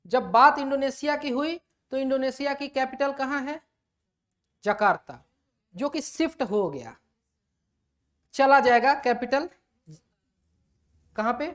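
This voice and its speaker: High-voiced woman teaching a class. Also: a little slow, pauses often. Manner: asks the class questions, then answers them herself; mixes English terms into Hindi explanation. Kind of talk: classroom lecture.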